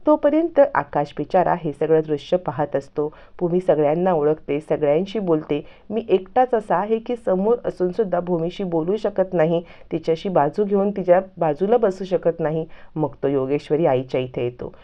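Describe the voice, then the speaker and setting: A woman storyteller narrating a recap of a television serial in a steady, plain manner. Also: lowish voice, normal speed, hardly any pauses, lo-fi sound.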